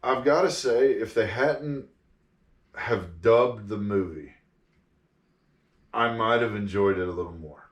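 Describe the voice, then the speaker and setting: A man chatting casually about a movie he reviews, sarcastic and fond of flat mock voices. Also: fairly low pitch, takes it slowly, long pauses. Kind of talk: casual chat. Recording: echoey room, mic far off.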